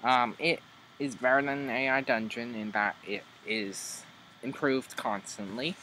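A man hosting a video, casually commenting with many hesitant ums as he tries out story software. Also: mid-range voice, fairly even intonation, measured pace, slight background noise, poor audio.

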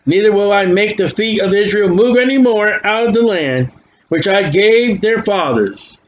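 Older guy preaching thru bible verses, kinda high voice, s's whistle from dentures, folksy and emphatic, bit of noise in the recording. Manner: emphatic, folksy asides between slowly read verses. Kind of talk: expository sermon, reading scripture aloud with running commentary. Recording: dull lo-fi recording with faint noise.

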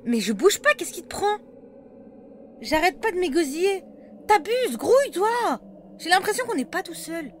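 A woman voicing a jumpy female soldier in an amateur horror audio drama, with quick, teasing banter. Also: on the high side, slight background noise, natural voice. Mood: panicked.

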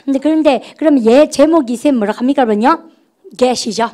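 A woman's voice: high voice, moderate pace, dark tone. A woman teaching a recorded English grammar lesson, coaxing her class through call-and-response drills and chatting playfully. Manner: calls herself "ssaem", chatty and playful.

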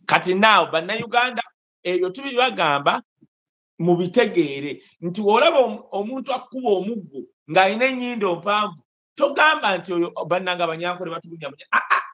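A Ugandan man in his forties giving emphatic, animated political commentary over a video call from an indoor room. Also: sits high, a little fast. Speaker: host. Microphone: video call webcam.

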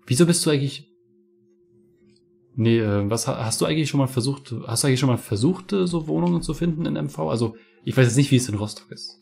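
Quick, creaky and breathy-edged, this medium-pitched, darkish voice belongs to a young man in his twenties from Mecklenburg-Vorpommern in northeastern Germany. He's a gaming streamer doing a casual let's play from a home room with a webcam and headset, chatting away, ranting over the game and swearing freely.

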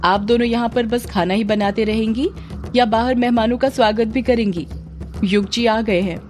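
A woman's voice: a little high, steady tone, moderate pace, darkish tone, faint music behind, close to an everyday voice. A woman voicing a shy, hesitant young woman in her early twenties. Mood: cheerful.

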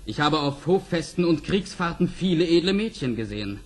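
An actor playing an ardent, courteous young Persian prince in an earnest, declamatory fairy-tale radio play manner, with a husky voice. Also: male voice, a little high, very animated, brisk.

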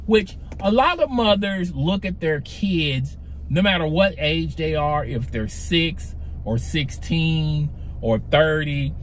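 A man's voice: fairly high pitch, animated, slow, poor audio. A man in his forties giving a rambling, casual TV recap from inside a parked car, often tagging his points with "all right?". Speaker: TV recap vlogger. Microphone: phone camera on the dashboard. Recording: loud car and street noise behind.

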